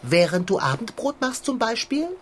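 Eine Frau spricht einen verfressenen, herrischen Kater in einem komischen Hörspiel, mit gestelzter, förmlicher Sprechweise. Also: female voice, fairly high pitch, sing-song, normal speed, slight background noise. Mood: haughty. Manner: pompous, stilted formal phrasing. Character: haughty greedy male house cat, demanding. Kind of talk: comic audio play.

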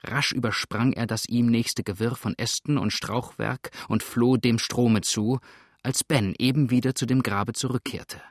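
A man's voice: medium pitch, fairly even intonation, unhurried, dry recording, clean studio sound. Man reading an adventure story aloud. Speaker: audiobook narrator. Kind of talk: scripted narration.

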